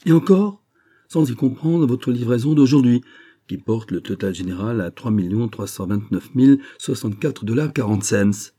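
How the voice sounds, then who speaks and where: A man voicing an effusive, flattering middle-aged male bank sub-director in an audiobook reading. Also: lowish voice, normal speed, hardly any pauses, breathy edge. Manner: gushing, emphatic, flattering.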